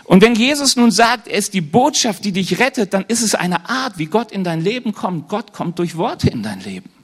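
A man with a notably high voice preaches to a congregation. He keeps the tone conversational, often checks in with his listeners through questions, and adds light humorous asides. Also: sing-song, normal speed, breathy edge. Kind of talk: sermon to a live congregation.

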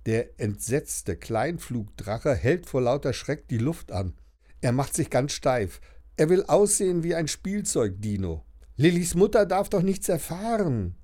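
Male audiobook narrator, children's story, very lively intonation. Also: fairly high pitch, measured pace. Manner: animated, expressive storytelling.

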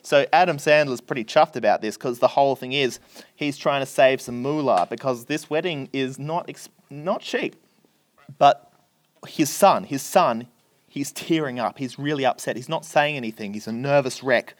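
On a podcast, a man with a mid-range voice retells a film plot at a moderate pace, acting out the characters' lines as an animated storyteller. The recording has no echo.

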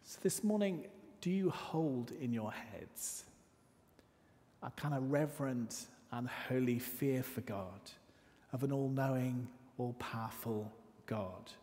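A man giving a sermon in a church, telling a personal story with dramatic pauses and hushed asides. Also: medium pitch. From north of England. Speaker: preacher. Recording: church hall with long reverb.

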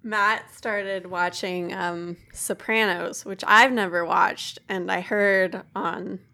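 A woman co-hosting a podcast, chatting casually and halting now and then to correct herself. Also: mid-range voice, fairly even intonation, creaky, pushed and bright. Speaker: podcast co-host. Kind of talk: casual chat.

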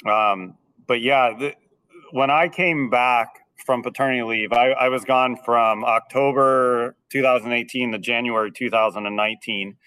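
A man in his thirties who directs a school band talks through his methods on a casual podcast, his medium-pitched voice steady, bright, pushed, clean, and slightly nasal at normal speed. He hesitates and repeats words at the start of sentences, and being a little away from the mic makes him sound somewhat distant.

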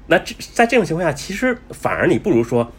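A man with a husky voice talks casually and explains things step by step. His pitch moves around a lot, and he keeps breaking up his sentences with fillers and restarts. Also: very animated. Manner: chatty, many fillers and restarts; says he talks fast. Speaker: travel vlogger.

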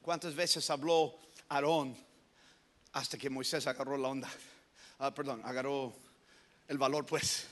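A man's voice: mid-range voice, fairly even intonation, measured pace, long pauses, fairly bright tone. A male pastor preaching animatedly to young people, switching between Spanish and English and acting out stories.

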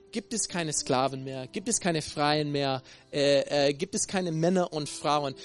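Man, American accent, sermon, higher pitch, halting with fillers, faint instrumental music behind. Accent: American English. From Texas, USA. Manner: halting, many fillers and restarts, frequent "ne?" tag questions. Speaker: preacher.

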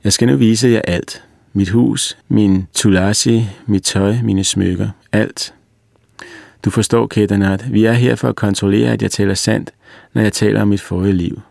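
A man voicing a grave, self-assured little girl in a spoken story, calm and earnest, in a low gravelly voice with a dry, close sound. the girl is told in the reader's own deep tone rather than a child's voice. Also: no echo. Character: earnest little girl recalling a past life.

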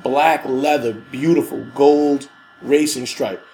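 A man's voice: medium pitch, fairly even intonation, slow, a little mellow, slight background noise. A man with a stuffy nose from a cold, co-hosting a podcast in casual, slangy chat with emphatic repeated phrases. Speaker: podcast co-host.

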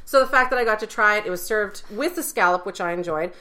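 Bright-voiced chatty woman. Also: medium pitch, fast. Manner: chatty and excitable, laughs often. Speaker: podcast co-host. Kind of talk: casual chat about food and drinks.

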